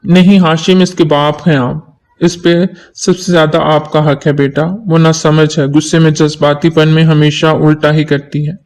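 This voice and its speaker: A man's voice: a little high, little pitch movement, normal speed, darkish tone, close to an everyday voice. A man voicing a stern middle-aged mother who scolds firmly in a story reading. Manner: firm, scolding tone.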